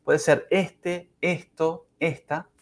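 Man, English teacher, podcast lesson, slow careful delivery, exaggerated sound drills. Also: a little high, little pitch movement.

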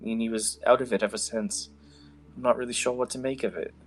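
A man's voice: mid-range voice, fairly even intonation, soft background music, natural voice. A man voicing an unsure woman healer. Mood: puzzled. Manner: halting, full of ums and "I guess". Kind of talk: tabletop game role-play.

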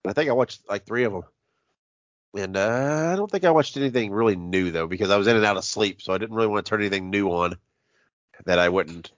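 A man with a stuffy, congested voice that sounds like he is inside a box, chatting casually and haltingly as a podcast host while sick. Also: on the low side, no echo, highs cut off. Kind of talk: casual horror movie review podcast chat.

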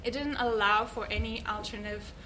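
A woman's voice: fairly high pitch, fairly even intonation, a little fast, bright, forceful tone, slight background noise, poor audio. Earnest woman telling her story. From Switzerland. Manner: earnest, thoughtful, searching for words. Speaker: guest, yoga teacher. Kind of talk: reflective personal storytelling.

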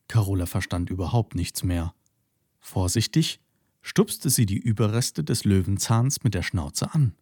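A man narrating a children's story in an expressive storytelling way. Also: sits low, slightly rough, no room sound, clean studio sound.

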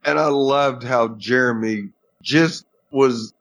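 An easygoing man co-hosts a casual podcast recap of a TV episode. His voice sits at an ordinary middle pitch. He laughs along often. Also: takes it slowly, a bit bright. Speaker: podcast co-host.

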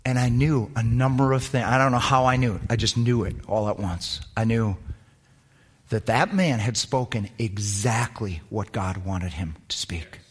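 A man preaching as a pastor, telling a personal story in an animated way that swings between loud emphasis and hushed low tones. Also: normal speed, slightly rough. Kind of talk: storytelling sermon.

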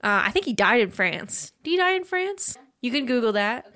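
A woman's voice: on the high side, very animated, normal speed, pushed and bright. A woman hosting a podcast, telling science history in a loose, chatty way with fillers. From United States. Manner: chatty, laughs often, loose storytelling. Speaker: podcast host. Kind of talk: casual podcast chat about science history.

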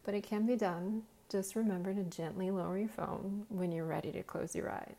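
A woman guiding a hypnosis relaxation in a slow, soothing, measured hypnotist manner, with long pauses and a soft voice that turns breathy at phrase ends. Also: medium pitch, fairly even intonation. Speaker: guided hypnosis and meditation host.

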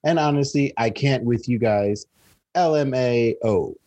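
A man's voice: mid-range voice, unhurried, mellow, dry recording. A man co-hosting a podcast, reading comments and teasing in a dry, casual way. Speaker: podcast co-host.

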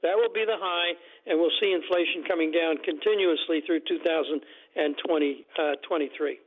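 Economist guy on a phone line, kinda high voice, lots of uhs, tinny sound. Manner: deliberate, many fillers and restarts. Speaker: economist guest. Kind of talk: radio interview answers.

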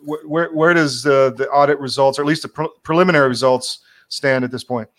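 A man hosting an interview show, speaking casually with halting, filler-heavy phrasing and repeated words. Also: medium pitch, fairly even intonation. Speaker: host.

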